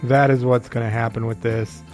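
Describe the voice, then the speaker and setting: A man's voice: mid-range voice, little pitch movement, moderate pace, darkish tone, faint music behind. A young man chatting casually to viewers and a friend while streaming a racing management game, rambling and easygoing. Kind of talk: casual live-stream chat.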